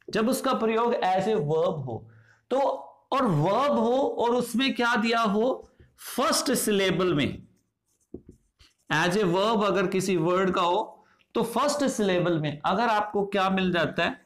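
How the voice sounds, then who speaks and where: A man with an Indian accent teaching English phonetics. He goes slowly and deliberately, asking questions and answering them himself. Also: high-pitched, a bit bright. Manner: slow, deliberate, asks and answers his own questions. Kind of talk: classroom-style lesson explanation.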